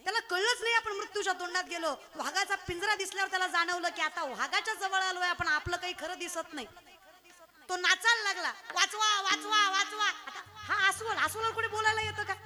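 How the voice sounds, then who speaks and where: A woman preaching a devotional kirtan sermon, animated and storytelling, moving between loud exhortation and soft pleading. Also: very high voice, brisk, faint music behind.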